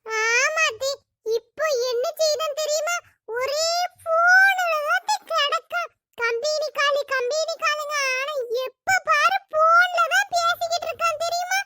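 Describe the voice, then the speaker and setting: A voice actor playing a sulky, dramatic young village wife in a cartoon, with a squeaky sped-up voice. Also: unhurried, sharp tone, exaggerated voice. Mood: complaining. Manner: whiny, complaining. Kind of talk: cartoon voice acting.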